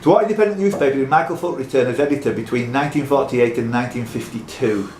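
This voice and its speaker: A man with a medium-pitched, slightly mellow voice talks fast as he hosts a live pub quiz, reading questions aloud and swapping teasing jokes with the contestants. The echoey pub room carries audience noise from a crowd of quiz players.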